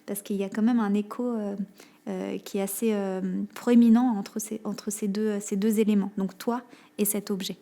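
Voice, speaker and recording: A woman's voice: mid-range voice, steady tone, moderate pace, mellow. A woman hosting a podcast interview who asks her guest questions, with a few fillers. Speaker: podcast host.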